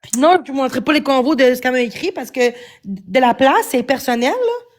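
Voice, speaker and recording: High-voiced agitated Quebec woman. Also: lively intonation, brisk. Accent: Quebec French. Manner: agitated, defensive, stammering repeats. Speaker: livestreamer. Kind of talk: upset livestream rant.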